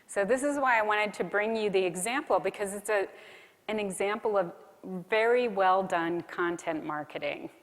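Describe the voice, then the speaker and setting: Her talk is a conference keynote on content marketing, delivered conversationally in a large hall with long reverb, and she quizzes the audience along the way. She speaks at a moderate pace in a mid-range voice.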